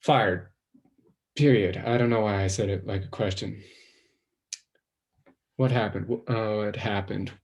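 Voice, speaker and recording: An actor playing an anxious, self-conscious young man who rambles, stalls and trails off into quiet self-doubt in a stage play. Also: fairly low pitch, level tone, normal speed, creaky, pauses often. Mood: rambling, ashamed.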